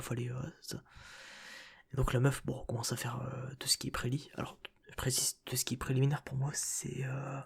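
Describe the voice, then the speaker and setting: A young man whispers a rambling story straight into a close ASMR microphone. His voice is very breathy and husky, with a gravelly fry. The delivery stays flat and full of casual slang. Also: medium pitch. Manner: soft whispering close to the mic. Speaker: ASMR creator.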